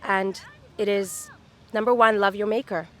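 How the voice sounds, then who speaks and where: Out on a city street, a woman from Dubai in her thirties gives an upbeat, filler-heavy casual chat as a street interview guest. Her mid-range voice holds a steady tone and runs a little slow.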